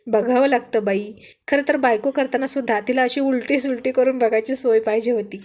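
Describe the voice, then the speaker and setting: Brief: woman voicing a playful husband, joking and flirty, highish voice. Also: fairly even intonation, brisk, a little mellow, lightly acted. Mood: teasing.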